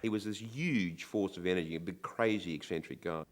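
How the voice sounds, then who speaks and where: A man's voice: sits low, brisk. An older man, reminiscing casually and candidly in an interview with a wry manner.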